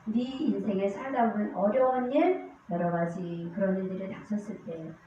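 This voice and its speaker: Korean deaconess giving testimony in echoey church. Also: female voice, medium pitch, expressive, moderate pace, warm tone, slight background noise. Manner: earnest, storytelling, acts out quoted voices. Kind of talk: church testimony with scripture reading. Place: church sanctuary. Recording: echoey distant church mic, dull lo-fi.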